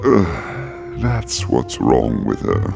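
A man playing a weary, exasperated dragon in an audio drama, grumbling in a dry, deadpan manner. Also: rumbling low, drawn-out words, gravelly, heavily acted. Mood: exasperated, secretive. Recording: long cavernous reverb, music underneath.

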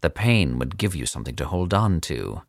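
A man voicing a suave, cold and amused older captor in a slow, condescending manner. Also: very deep voice, big pitch swings, no echo, clean studio sound, full character voice. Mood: dry, mocking. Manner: smooth, unhurried and condescending.

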